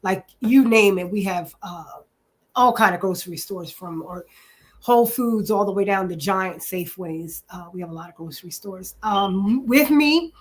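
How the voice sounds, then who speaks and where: A woman's voice: mid-range voice, moderate pace. A chatty woman in her forties, from New Jersey, talks in a casual interview. She fills her talk with ums and says "literally" often. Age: 40s. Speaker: guest. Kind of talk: casual interview self-introduction.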